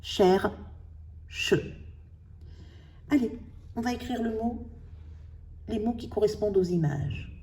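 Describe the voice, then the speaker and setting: A woman teaching a spelling lesson, slowly sounding out syllables and letters for her pupils. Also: on the high side, warm tone, recorded from a distance. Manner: slow, carefully sounding out syllables.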